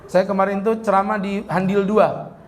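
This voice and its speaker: A man's voice: high voice, level tone. A male preacher giving a humorous sermon at a police event, joking and mimicking regional accents. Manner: jokey, mimics regional accents, chants Quran slowly.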